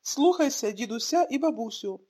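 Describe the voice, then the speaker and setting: A woman's voice: on the high side, expressive, normal speed, warm tone, husky. A woman reading an audiobook, voicing a young father who puts on forced cheerfulness to hide his worry. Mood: forced cheer.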